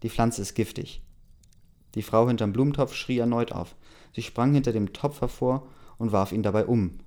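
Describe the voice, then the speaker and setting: A man's voice: medium pitch, fairly quick, warm tone. A man casually reading a story aloud, hesitant, with many fillers. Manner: hesitant, many fillers, laughs between lines. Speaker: story reader.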